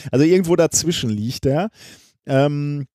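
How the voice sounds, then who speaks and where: A man's voice: fairly high pitch, measured pace, dark tone, no room sound, studio quality. A man co-hosting a science podcast, explaining at length in a casual way with plenty of ums and tag questions. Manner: long explanations with many filler sounds and tag questions. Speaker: podcast co-host presenting a science story.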